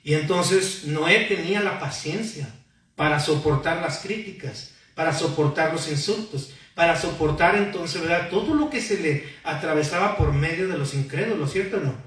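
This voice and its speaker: In a church hall, a male pastor delivers a sermon, posing questions and drawing answers from the congregation. His voice sits on the high side with a fairly bright tone and a moderate pace, captured from a distant mic in a very echoey hall.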